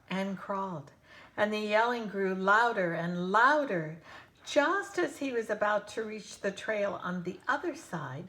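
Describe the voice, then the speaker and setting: Slow woman teacher reading aloud. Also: mid-range voice, fairly bright tone, slight background noise. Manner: slow, questions for students, drops to whispers. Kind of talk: reading a children's book aloud.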